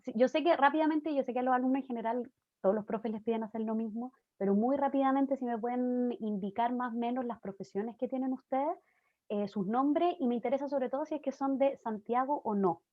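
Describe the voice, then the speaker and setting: Una mujer chilena, invitada como conferencista, habla de manera informal y cercana en una clase en línea, con muchas muletillas. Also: female voice, a little high, brisk, no echo. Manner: friendly, informal, many fillers. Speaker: guest lecturer. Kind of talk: online class talk. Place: home, video call. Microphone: computer mic on video call. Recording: dull, dry video-call audio.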